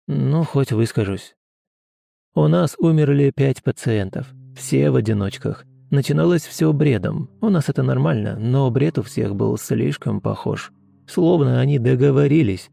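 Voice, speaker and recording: An excitable gray-haired doctor, read by a man, talks fast and eagerly yet stays precise. The voice is gravelly, very dark and mellow. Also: mid-range voice, dry recording. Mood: troubled. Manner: hurried, excited but precise speech.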